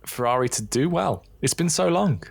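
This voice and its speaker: A young man co-hosting a podcast in casual chat, excitable and animated in banter. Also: on the high side, moderate pace, vocal fry, husky, no room sound. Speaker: podcast co-host.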